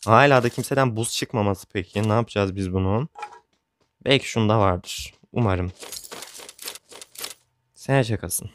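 A man's voice: fairly low pitch, a little slow, long pauses, a little hiss or hum. A young man chatting casually as he comments on his own gameplay, joking and grumbling along the way. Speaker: gaming YouTuber.

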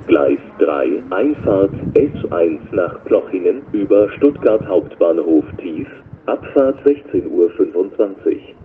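A man working as a railway station announcer, reading flat, scripted platform announcements in a measured, formal way. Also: low-pitched. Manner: measured, formal, flat delivery in set phrases. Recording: dull lo-fi recording with loud station noise.

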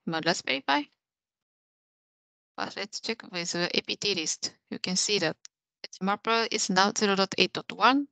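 Presenting a software demo on a video call, a young woman explains things one step at a time from a small indoor room. Her mid-range voice sounds pushed and bright. The recording has no echo but is rough.

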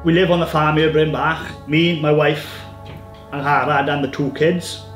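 With faint music in the background, a relaxed Welshman in his thirties talks about keeping bees in a casual interview chat. His voice is on the high side and his speed normal, and he tends to repeat words. The setting shifts between a farm kitchen and a woodland hive site.

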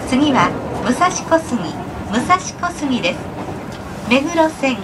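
A woman reading scripted train announcements in a formal, measured manner over onboard speakers. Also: very animated. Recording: distant, loud train noise. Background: loud train rumble.

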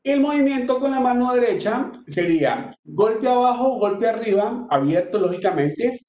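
A man's voice: very high voice, lively intonation, normal speed, a little mellow. A man with a Colombian accent teaching tiple rhythms in an online workshop, counting beats aloud and chanting strum patterns. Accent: Colombian Spanish. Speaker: music teacher. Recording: echoey room with guitar.

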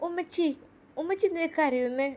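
A woman's voice: extremely high pitch, normal speed. A woman voicing a small curious girl with a Malappuram accent, asking eager questions. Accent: Malappuram Malayalam. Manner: excited, questioning.

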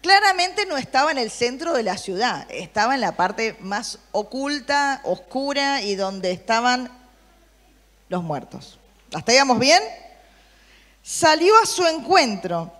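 A woman's voice: fairly high pitch, a little slow, long reverb tail. A woman preaching to a youth group, reading Bible verses and asking the listeners questions. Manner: lively, asks the room questions, reads Bible versions aloud.

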